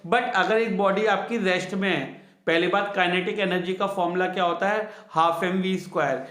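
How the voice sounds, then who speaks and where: A man's voice: high-pitched, fairly even intonation, moderate pace, a bit bright, reverberant. A male science teacher giving a classroom physics lesson, asking the students questions and repeating each key answer twice, with on the terms.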